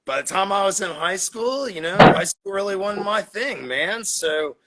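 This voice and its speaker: On a casual podcast, a cannabis grower from Florida in his forties relaxes into his story as a guest, cursing and laughing freely. He sounds high-pitched and animated at normal speed, and the recording is very noisy.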